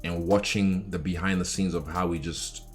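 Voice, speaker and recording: Young male, low-pitched, informal and frank interview chat with light background music. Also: steady tone, normal speed. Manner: candid, informal, swears freely. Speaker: professional fighter talking about his interests. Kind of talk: casual chat answering interview questions.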